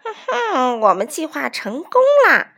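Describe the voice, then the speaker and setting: A woman's voice: high voice, sing-song, a little slow, vocal fry, heavily acted. A woman voicing a gloating male weasel bandit chief who rallies his gang in a storybook reading. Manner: loud, gloating, bossy.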